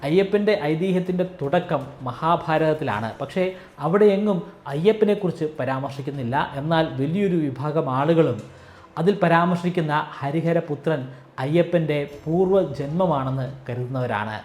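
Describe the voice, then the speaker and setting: A man narrating a history explainer, telling the story in a measured way and voicing the questions of the people in it. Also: on the high side, darkish tone, echoey room. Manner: storytelling, acts out quoted questions. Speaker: educational narrator.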